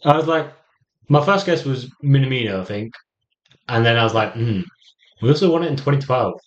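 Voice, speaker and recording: A man with an English accent co-hosting a football podcast in casual, teasing chat with his brother. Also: a little fast. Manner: teasing, jokey, lively pitch swings. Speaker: podcast co-host. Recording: slightly dull lo-fi sound.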